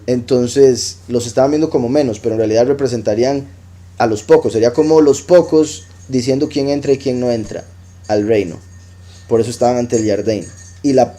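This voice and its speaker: A man gives a Bible teaching in a mellow, warm voice at a mid pitch. He explains patiently and repeats his key points. He briefly acts out quoted dialogue as he goes. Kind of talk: scripture teaching.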